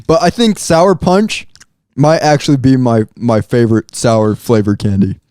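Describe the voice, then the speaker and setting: A man's voice: mid-range voice, normal speed, mellow, no room sound, studio quality. A man co-hosting a casual podcast, talking while eating sour candy and rating it with enthusiasm. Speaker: podcast co-host. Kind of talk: casual chat, taste-testing sour candy.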